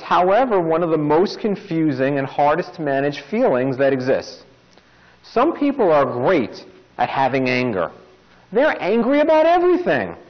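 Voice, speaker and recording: A man giving an informal self-help talk as a podcast host. He mixes wry, jokey asides into his explanations. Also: on the high side. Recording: dull lo-fi recording.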